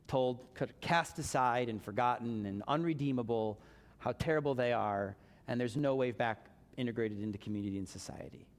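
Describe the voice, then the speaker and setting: A man preaching a sermon as pastor, talking in a conversational way and joking with his congregation. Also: mid-range voice. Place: church sanctuary. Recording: long church reverb.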